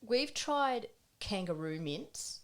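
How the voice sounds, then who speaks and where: A woman's voice: mid-range voice, sing-song, takes it slowly. Rambling, chatty woman. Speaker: co-host. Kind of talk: casual chat.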